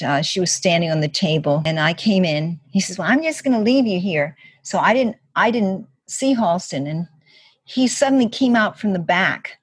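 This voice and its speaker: Husky older woman telling a story. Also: fairly low pitch, dry recording. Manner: chatty, many "like" and "you know" fillers, acts out quotes. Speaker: interviewee. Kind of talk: casual storytelling.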